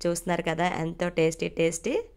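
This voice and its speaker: A woman's voice: lowish voice, steady tone, a little fast, darkish tone, clear, resonant tone. A woman hosting her cooking channel, casually narrating a recipe step by step in a friendly, polite way.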